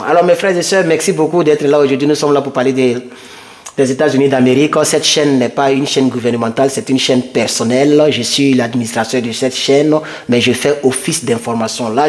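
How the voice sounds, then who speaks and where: A man vlogging immigration news from his home computer, talking straight to his viewers in a loose, rambling way and sliding from English into French. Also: medium pitch. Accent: non-native English, French-speaking. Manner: switches between English and French, addresses viewers directly, rambling. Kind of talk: casual informal vlog. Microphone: computer microphone.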